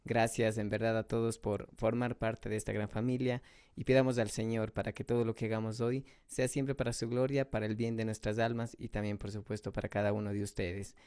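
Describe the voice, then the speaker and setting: Smooth-voiced devout radio host man. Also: fairly low pitch, level tone, darkish tone, no room sound, clean studio sound. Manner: measured, devout, slows for prayers.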